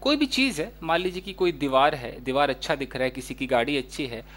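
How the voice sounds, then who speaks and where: A man with an Indian accent teaching English words to learners, explaining each one in a casual way with many examples and reading English phrases out slowly. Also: on the high side, fairly bright tone.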